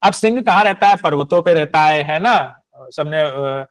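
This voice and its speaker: A man's voice: fairly high pitch, expressive, measured pace, no room sound. Didactic Hindi-speaking male teacher. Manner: didactic, repeats points with "है ना" tag questions. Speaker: Sanskrit and astrology teacher. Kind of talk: online class lecture.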